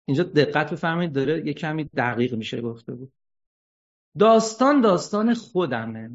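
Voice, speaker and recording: A man delivers an ethics lecture, his voice sitting a bit high. He keeps it lively, firing rhetorical questions and slipping in dry jokes. The recording sounds dull and lo-fi. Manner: animated, rhetorical questions, wry humor. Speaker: religious lecturer.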